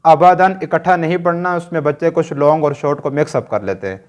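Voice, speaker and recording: A man's voice: a little high, a little fast. A man with a Pakistani Urdu accent teaching Quran reading in a recorded lesson, patiently drilling short sounds one by one and checking that learners follow.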